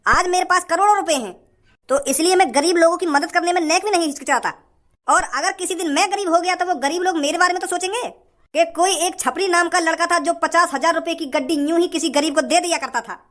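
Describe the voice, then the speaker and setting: A man's voice: extremely high pitch, fast. A man playing a generous rich young hero. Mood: lecturing. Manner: forceful, lecturing. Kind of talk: comedy sketch acting.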